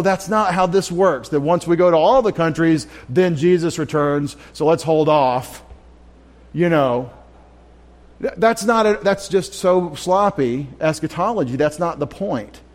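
A male pastor delivering a Bible study sermon, voice pitched a little higher than most men's. He talks in an emphatic way, often repeating a line for weight and correcting himself mid-phrase. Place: church.

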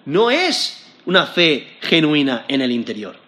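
Guy preaching a sermon, voice jumps way up on the verses, kinda high pitched, echoey room. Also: a little slow. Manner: animated, rising to emphatic high points when quoting scripture.

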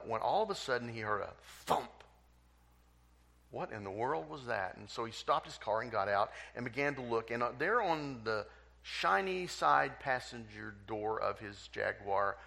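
A male pastor preaches a sermon in measured, emphatic phrases. His low voice is gravelly, with a bright, forceful edge. He turns hushed and solemn when he prays. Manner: measured storytelling with emphatic pauses.

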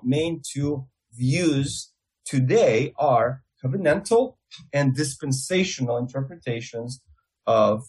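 Man, Russian accent, husky tone, theology lecturer, explanatory step-by-step delivery. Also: on the high side, a little mellow, low-quality recording. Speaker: Bible teacher.

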